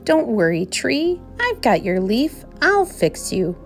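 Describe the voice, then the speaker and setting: A woman voicing a small, anxious young male animal who cares earnestly for a tree, in a high, pleading voice. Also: big pitch swings, slow, creaky, soft background music, exaggerated voice. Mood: earnest, worried.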